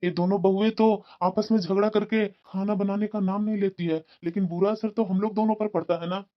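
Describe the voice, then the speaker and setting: A man's voice: sits high, fairly even intonation, a little fast, highs cut off, natural voice. Man voicing a weary old cartoon father-in-law. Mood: worried. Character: elderly father-in-law, helpless and worried.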